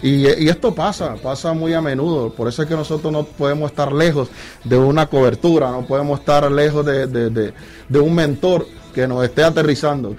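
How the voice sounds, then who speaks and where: A man, a guest musician, telling a lively personal faith story in a casual interview, acting out dialogue as he goes. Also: on the high side. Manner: animated storytelling, acts out dialogue with God.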